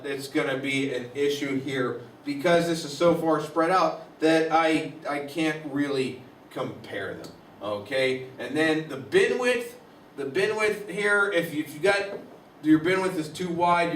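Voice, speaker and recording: A man teaching a high school statistics lecture over slides, animated and exclamatory, with playful asides. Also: a little hiss or hum. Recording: echoey room, voice from far off the mic.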